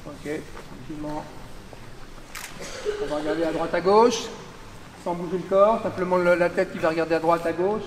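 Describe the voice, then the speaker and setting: A man teaching an aikido class in a gymnasium, calling out drill commands, often shouting. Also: high-pitched, fairly even intonation, fairly quick. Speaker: aikido instructor. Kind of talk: teaching a group class on the mat. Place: large gymnasium. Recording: echoey gym from far off, with noise.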